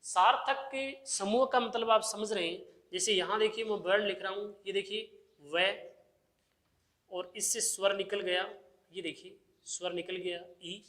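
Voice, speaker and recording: A male teacher from India, whose high voice is steady, unhurried, pushed and bright, gives an exam-prep grammar lesson. He poses questions to the class, answers them himself, and repeats the key terms.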